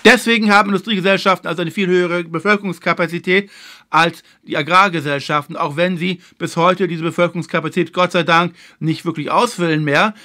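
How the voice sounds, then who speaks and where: A man hosting a video lecture series, explaining history in a measured way and stressing his key points. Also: high-pitched, fairly even intonation, bright, forceful tone. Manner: filler phrase "eben halt".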